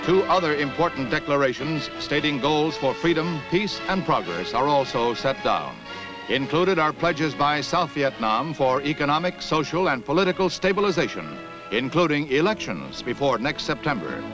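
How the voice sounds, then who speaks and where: A man's voice: a little high, sing-song, normal speed, low-quality recording. A man giving formal, declamatory narration for an old 1960s newsreel. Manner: formal, declamatory announcer delivery. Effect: old newsreel soundtrack. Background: music.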